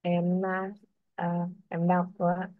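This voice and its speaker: A woman's voice: on the low side, completely flat delivery, measured pace, no echo. A female student answering her teacher hesitantly in an online class, unsure of her answer. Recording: tinny call audio, dry.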